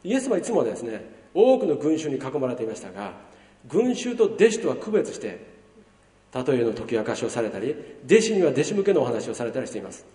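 Animated man preaching in a hall. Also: mid-range voice, a little fast. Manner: lively preaching, swinging between loud emphasis and hushed asides. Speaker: pastor. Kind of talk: sermon. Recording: roomy hall reverb from far off.

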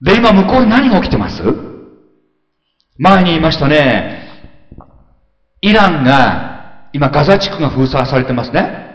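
A man preaching in a big echoey hall, and his voice swoops high and low as he tells the story. He acts out grumbling crowds with rapid muttering. The recording sounds dull and lo-fi. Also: very animated. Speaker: pastor. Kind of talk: sermon.

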